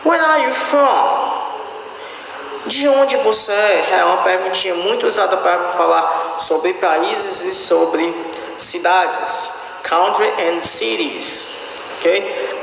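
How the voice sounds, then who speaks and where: Slow, echoey man teaching. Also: high voice, vocal fry, pushed and bright, a little hiss or hum. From Brazil. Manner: slow and explanatory, often checks in with the class. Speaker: English teacher. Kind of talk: recorded online lesson. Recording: echoey room with long reverb.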